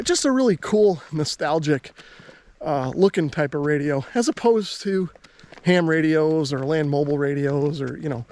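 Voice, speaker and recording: An American radio hobbyist who hosts videos talks casually to his viewers, explaining his points in a relaxed, easygoing way. His voice is fairly high-pitched with a darkish tone.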